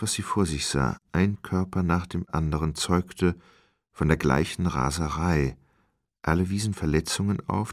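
A man narrating an audiobook of a crime novel in a steady, grave manner, recorded close on a studio mic. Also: rumbling low, gravelly, no echo. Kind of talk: audiobook reading.

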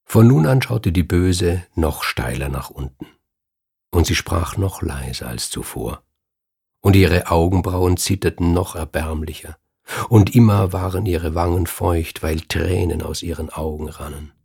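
A man reading a dark fairy tale aloud in a slow, measured storytelling manner. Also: low voice. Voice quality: gravelly, husky voice. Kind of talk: storytelling narration.

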